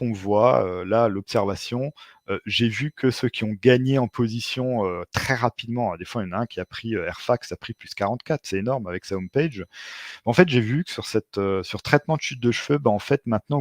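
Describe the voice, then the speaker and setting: A man's voice: medium pitch, dry recording, clean studio sound. A man presenting a webinar as an expert, explaining informally and hesitantly, with frequent filler sounds and restarts.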